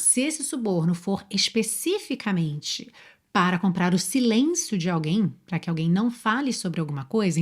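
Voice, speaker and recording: Brazilian woman teaching English, slow and clear. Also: mid-range voice. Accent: Brazilian Portuguese. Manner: explains patiently, slows and spells out words, asks the viewer questions. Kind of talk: online English lesson.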